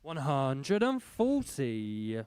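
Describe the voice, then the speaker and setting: A man's voice: medium pitch, wildly swooping pitch, extremely slow, a little mellow, clear, resonant tone, dry recording. A man working as a darts score caller, announcing scores and legs in short, formal calls.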